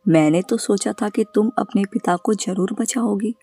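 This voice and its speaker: A woman's voice: medium pitch, normal speed, dark tone, breathy edge. A woman doing a smug scheming village headman. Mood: mocking. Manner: mocking, smiling threats.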